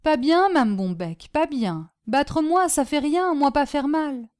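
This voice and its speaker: A woman voicing a patient, gentle foreign manservant who speaks in slow, simple, broken phrases. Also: high voice, animated, pitched above the performer's own voice. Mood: gentle pleading.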